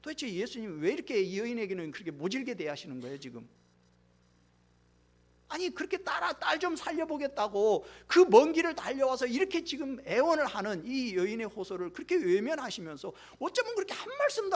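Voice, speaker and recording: A male pastor preaching a Sunday sermon in church, emphatic, acting out the pleas of the people in the story. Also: extremely high pitch. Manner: emphatic, acts out biblical speakers' pleas. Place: church sanctuary.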